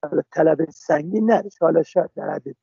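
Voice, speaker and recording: Gravelly young man over a phone line. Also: a little high, warm tone, a little hiss or hum. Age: young adult. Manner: halting, with many restarts and fillers. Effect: heard over a phone line. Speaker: interviewee. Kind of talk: casual phone interview.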